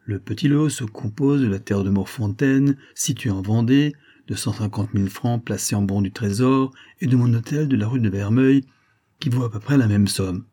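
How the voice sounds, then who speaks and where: A man's voice: mid-range voice, normal speed, dark tone, natural voice. A man voicing an elderly general, a kindly but solemn patriarch who speaks firmly and formally.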